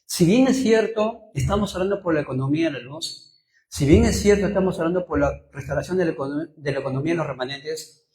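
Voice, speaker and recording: In a rough, reverberant recording, a Peruvian pastor speaks quickly with lively intonation and a fairly high, slightly mellow voice. With his Peruvian Spanish accent, he delivers a sermon of personal anecdotes, repeating phrases for emphasis and asking rhetorical questions.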